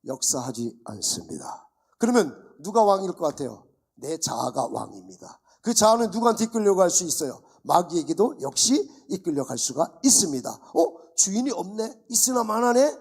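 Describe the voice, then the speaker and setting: Animated male pastor with a gravelly voice. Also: high-pitched, moderate pace. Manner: animated preaching with rhetorical questions and acted-out dialogues. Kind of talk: sermon. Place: church.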